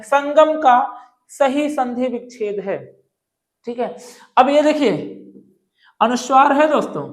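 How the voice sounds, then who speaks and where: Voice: medium pitch, a bit bright. Tutor for an online exam-prep class who talks through each answer patiently and keeps checking that students follow. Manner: explains step by step, often checking in with "ठीक है" and "दोस्तों"; asks questions then answers them. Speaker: Hindi grammar teacher. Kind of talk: exam-prep lesson walking through multiple-choice questions.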